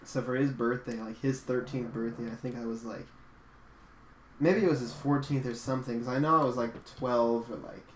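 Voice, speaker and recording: A young man in casual podcast chat, jokey and quick to laugh, asking questions. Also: medium pitch, steady tone. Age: young adult. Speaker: podcast co-host. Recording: roomy echo, faint hiss.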